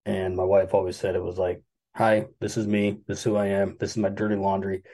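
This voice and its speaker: Deep gravelly man in his forties. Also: fairly quick, poor audio. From Alaska. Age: 40s. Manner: relaxed, musing, with hesitations. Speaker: guest. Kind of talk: casual conversation.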